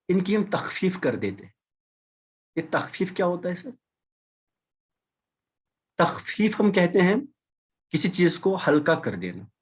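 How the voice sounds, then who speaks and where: A man's voice: a little high, husky. A man gives an Arabic lesson over a video call. He explains patiently, repeats each key term and slips English words into his sentences. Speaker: Arabic teacher. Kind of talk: online class lecture.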